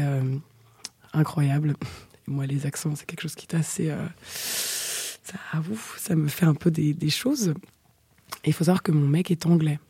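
A young woman telling a frank personal story in casual chat, chatty with many fillers, often dropping into breathy half-whispers. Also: sits low, warm tone, dry recording. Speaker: storyteller guest.

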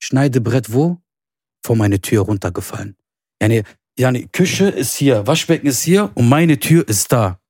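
An animated young man swears and acts out quoted people in a casual storytelling chat. His voice is husky and mid-pitched. The recording is close and dry. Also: moderate pace, dry recording. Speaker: podcast host.

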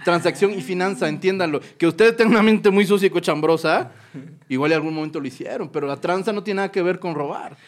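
A Mexican man talks quickly in a high voice. He jokes as a guest and lays out his points with mock seriousness. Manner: joking, mock-serious explaining. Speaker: guest, contestant. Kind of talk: casual chat.

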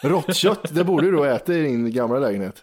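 A man co-hosting a podcast with a fairly high voice that swings all over the place. He teases the others and swears freely in loose banter. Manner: animated, swearing, teasing. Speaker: podcast co-host.

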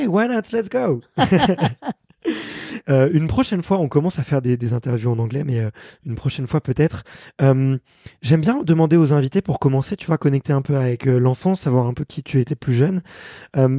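A French man hosts a podcast with an enthusiastic, chatty delivery. His voice is mellow and relaxed, recorded close and dry. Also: medium pitch, fairly quick, no echo. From France. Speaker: podcast host. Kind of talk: podcast interview.

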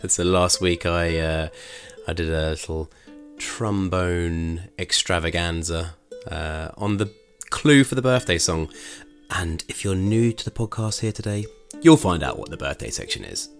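A man's voice: low-pitched, unhurried, faint music behind. Chatty man hosting a solo podcast. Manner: chatty, laughs often, rambling asides. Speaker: podcast host. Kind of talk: casual solo podcast chat.

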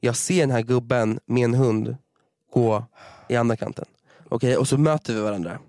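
A man in casual conversation, telling an animated story, swearing often and slipping in English phrases. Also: mid-range voice, no echo, studio quality. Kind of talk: casual chat.

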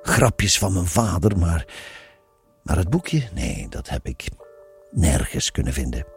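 A man's voice: low-pitched, big pitch swings, slow, creaky, faint music behind, heavily acted. A man voicing a curious, cynical man questioning a nun. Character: curious, searching adult man.

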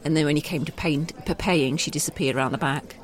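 A woman's voice: low voice, fast. A woman co-hosting a podcast, telling anecdotes in casual chat with dry, teasing asides. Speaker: podcast co-host.

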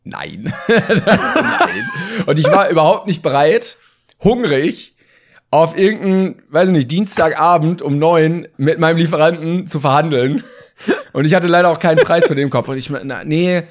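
A man's voice: a little high, a little fast. A man co-hosting a podcast, telling a comic story in casual talk and acting out the dialogue in different voices. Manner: animated, acts out dialogue with shifting voices. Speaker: podcast co-host.

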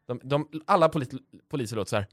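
A man's voice: medium pitch, expressive, heavy background noise. A man co-hosting a casual podcast, playful, with a strong voice and frequent laughter. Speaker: podcast co-host. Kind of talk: casual chat.

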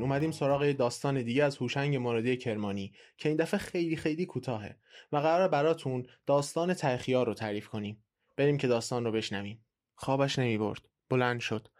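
A man hosting a podcast and calmly reading a short story aloud. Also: medium pitch. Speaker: podcast host and narrator. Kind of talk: storybook narration.

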